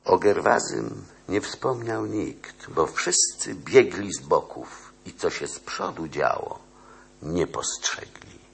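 A man reading epic poetry aloud in an expressive, animated way. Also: low voice, slow, gravelly.

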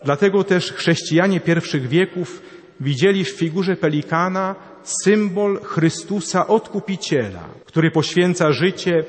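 Male cleric, fairly high voice, solemn address, reverberant church. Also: a little slow. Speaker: archbishop. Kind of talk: formal homily.

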